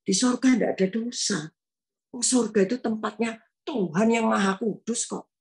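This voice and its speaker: A woman's voice: a little high, fairly even intonation, normal speed, a little mellow, breathy edge. A woman in her eighties with a Javanese accent, preaching in a homely, conversational way and telling a personal story to her listeners. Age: 80s. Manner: homely, addresses listeners often as brothers and sisters.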